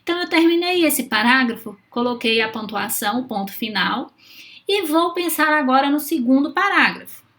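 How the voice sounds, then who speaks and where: Woman, teacher, high voice, patient, checks in with the kids after each step. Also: lively intonation, moderate pace, a bit bright. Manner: patient, checks in often with questions. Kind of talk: children's writing lesson.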